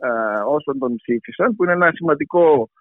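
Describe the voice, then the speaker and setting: A man from Greece giving spontaneous political analysis as a pollster in an interview, halting and searching for his words over a phone line. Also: fairly high pitch, no room sound. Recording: tinny, band-limited phone line.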